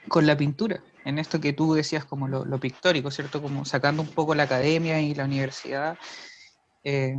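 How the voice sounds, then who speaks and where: A man's voice: fairly high pitch, highs cut off. Man asking winding questions. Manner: winding, self-correcting questions. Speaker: interviewer. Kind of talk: interview questions. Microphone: video call.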